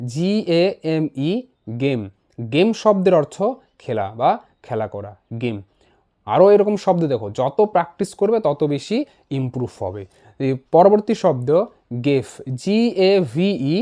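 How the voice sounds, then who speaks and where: A man teaching an English pronunciation lesson in a voice-over, spelling each word letter by letter and repeating it slowly. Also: fairly high pitch, dark tone.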